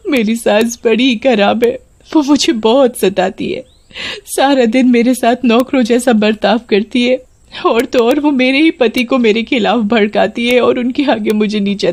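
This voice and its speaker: This is a tearful young married daughter from a storybook tale, voiced by a woman narrator. She complains through sobs, with her voice pushed high. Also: darkish tone. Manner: sobbing, complaining.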